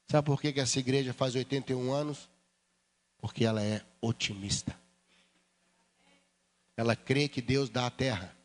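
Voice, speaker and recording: A Brazilian pastor preaching a sermon, animated and humorous, acting out quoted dialogue as he speaks. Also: mid-range voice. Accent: Brazilian Portuguese. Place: church sanctuary. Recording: long church hall reverb.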